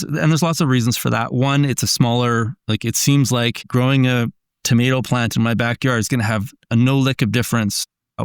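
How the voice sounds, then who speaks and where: A man's voice: medium pitch, clean tone, dry recording, studio quality. A man as a podcast guest, explaining ideas earnestly in casual conversation, often restarting his sentences.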